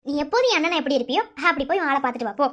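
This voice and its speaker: A woman's voice: sits high, animated, rapid-fire, fairly bright tone. A woman voicing a bossy, cheeky young village sister who mocks and orders her brother in Madurai Tamil for a cartoon. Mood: mocking. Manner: bossy, mocking.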